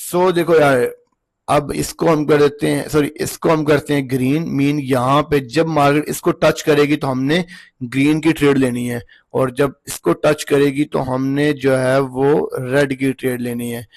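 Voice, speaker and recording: A man with a slightly hoarse voice from long talking, giving a casual, chatty trading lesson while walking through a chart on screen and checking in with the viewer often. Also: medium pitch, steady tone, unhurried. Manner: chatty, repeats checks like "okay ji" and "look". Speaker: trading instructor.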